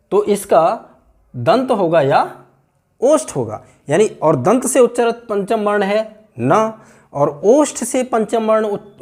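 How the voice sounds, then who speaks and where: A man teaching Hindi grammar in a slow, deliberate way, repeating points to explain them. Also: high-pitched, a little mellow. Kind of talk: explanatory lesson.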